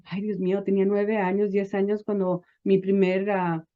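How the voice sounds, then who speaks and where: A woman who is a business advisor chats informally as an interview guest, sometimes mixing Spanish and English. Her medium-pitched voice moves little in pitch at a normal speed, and the audio is dull.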